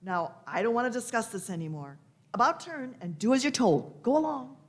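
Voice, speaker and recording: A woman's voice: on the high side, animated, a little fast, lightly acted. A woman playing an imperious, eccentric elderly time-traveller in a radio play, fussy and theatrical, repeating her phrases. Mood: irritated, commanding. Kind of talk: live staged radio play.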